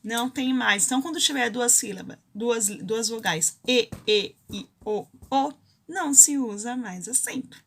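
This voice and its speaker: A woman's voice: a little high, unhurried, fairly bright tone. Brazilian woman teacher explaining grammar. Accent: Brazilian Portuguese. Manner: explains step by step, often checks in with "tá?". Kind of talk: online grammar lesson.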